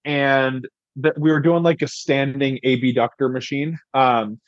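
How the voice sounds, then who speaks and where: A man's voice: mid-range voice, fairly even intonation, a little slow, dry recording. Man telling a rambling gym story. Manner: rambling, heavy use of "like", profane. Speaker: podcast guest. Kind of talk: casual storytelling. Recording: dry, dull lo-fi podcast audio.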